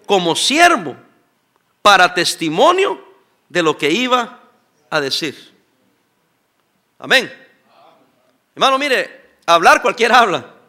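High, bright-voiced preaching pastor. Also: male voice, sing-song, takes it slowly, pauses often. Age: middle-aged. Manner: preaching with call-and-response questions. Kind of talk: sermon.

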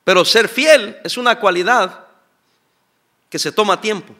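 High, bright-voiced preaching pastor. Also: male voice, measured pace. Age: middle-aged. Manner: preaching with call-and-response questions. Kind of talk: sermon.

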